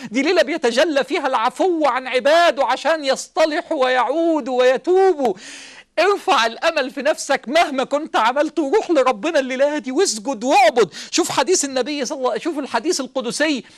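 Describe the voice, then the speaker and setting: A man preaching a sermon with an Egyptian accent, pleading and swinging between hushed, intimate passages and raised, fervent ones. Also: very high-pitched. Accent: Egyptian Arabic. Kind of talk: emotional sermon.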